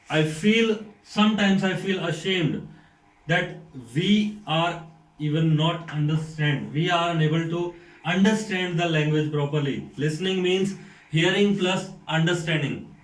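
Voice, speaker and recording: A man from India with an Indian accent, a school principal giving a classroom lecture, slow and deliberate, repeating points and asking rhetorical questions. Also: fairly high pitch. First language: Hindi. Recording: echoey room, mic far off.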